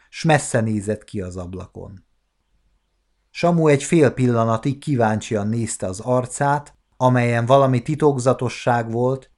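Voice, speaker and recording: A man's voice: medium pitch, a little mellow. Man in his forties reading a novel. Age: 40s. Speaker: audiobook narrator. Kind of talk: scripted literary narration.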